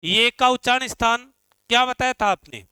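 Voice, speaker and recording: A male Sanskrit teacher, drawing out syllables slowly as he asks his class questions and answers them himself. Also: very high-pitched, bright, forceful tone, clean tone, dry recording. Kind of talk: classroom lesson on pronunciation.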